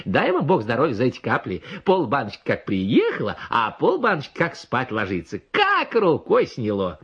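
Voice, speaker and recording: A man voicing a flattering young peasant woman with a wheedling sing-song manner in an audiobook. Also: mid-range voice, normal speed, slightly rough, lo-fi sound, pitched above the performer's own voice, full character voice. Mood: fawning. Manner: fawning, wheedling.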